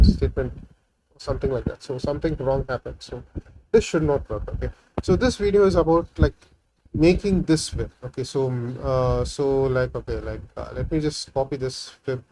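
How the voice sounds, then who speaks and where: This programming tutorial host, whose first language is Tamil, thinks aloud while coding in a casual screen-recorded walkthrough, full of fillers and "right?" tags. His voice is mid-range with a darkish tone, and the low-quality recording carries slight background noise.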